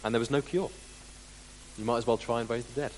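A man preaching a sermon as dramatic storytelling, deliberate and full of pauses, with sudden drops into quiet, in a large hall. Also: mid-range voice, steady tone. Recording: long hall reverb, faint hum.

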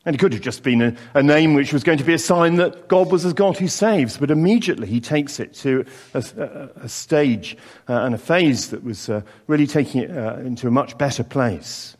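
A man preaching a sermon, earnest and expressive, leaning on emphatic repetitions and pauses. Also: medium pitch.

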